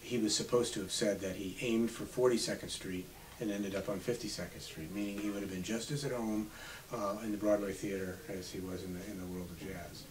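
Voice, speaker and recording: A man in his seventies, an author being interviewed on radio, telling unhurried stories from his past. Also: lowish voice, fairly even intonation. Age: 70s. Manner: reminiscing, unhurried storytelling. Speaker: author guest. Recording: slightly distant mic with faint hiss.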